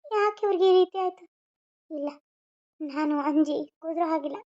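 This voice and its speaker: A woman's voice: very high-pitched, normal speed, darkish tone. A woman voicing an anxious but caring young newlywed queen in a cartoon, fretting to herself and coaxing her husband. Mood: worried. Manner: frets in whispered-style asides, coaxing to her husband. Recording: dull lo-fi audio.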